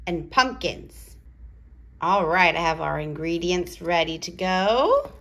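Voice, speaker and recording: In her thirties, this children's presenter and storyteller has a medium-pitched, slightly bright voice. She teaches toddlers and reads picture books aloud using simple, exaggerated child-directed speech.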